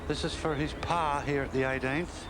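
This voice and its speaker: A man's voice: on the high side, steady tone, normal speed. A man giving live golf commentary, reacting aloud to each shot and urging the ball along. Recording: noisy outdoor broadcast with loud crowd behind. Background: loud golf crowd and outdoor ambience.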